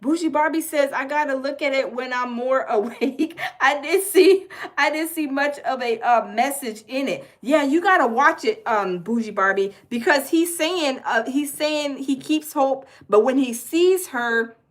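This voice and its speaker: Casting: Southern woman livestream host, high voice, chatty and folksy, repeats herself. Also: a little slow. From American South. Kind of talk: casual livestream chat, reading viewer comments.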